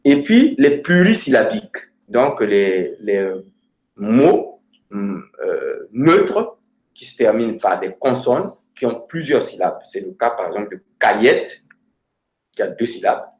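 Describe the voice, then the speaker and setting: A man teaching Romanian grammar to a student, slow and hesitant, with many fillers. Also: on the low side, sing-song, a little mellow, reverberant.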